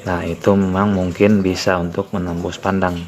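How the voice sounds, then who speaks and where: A man's voice: deep voice, little pitch movement, moderate pace, a little mellow, a little hiss or hum. A man hosting a tutorial channel, walking viewers through a phone app in a plain explanatory way. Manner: plain explanatory, repeats "ya, teman-teman" fillers.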